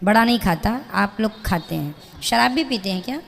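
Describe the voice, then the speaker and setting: A woman's voice: mid-range voice, lively intonation, normal speed, creaky. A woman preacher lecturing a listener with pointed rhetorical questions, speaking plainly and morally. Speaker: spiritual preacher. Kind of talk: preaching to an audience member. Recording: long hall reverb.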